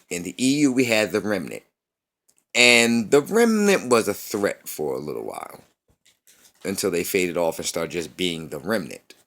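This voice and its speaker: A man in his thirties delivers a heated, casual rant, full of slang and profanity. His voice sits a little low but swings widely in pitch as he repeats his points for emphasis. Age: 30s. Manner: angry, profane, repeats himself; slangy street talk. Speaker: movie reviewer. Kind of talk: ranting casual review.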